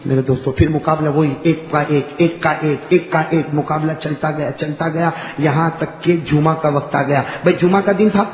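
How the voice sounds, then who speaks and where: A male preacher telling a story in an impassioned sermon. He swings between shouted, high cries and low, hushed narration. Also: steady tone, few pauses. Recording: echoey reverberant hall.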